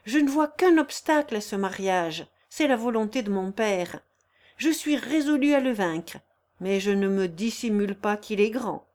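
A woman's voice: mid-range voice, animated, moderate pace, a little mellow, close to an everyday voice. A woman reading the lines of an earnest, embarrassed young man in love, in an audiobook.

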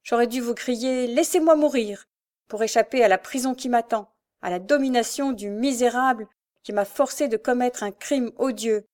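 A woman's voice: fairly high pitch, normal speed, darkish tone, natural voice. A woman voicing a desperate, tormented young woman thief with pleading, impassioned outbursts. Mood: anguished.

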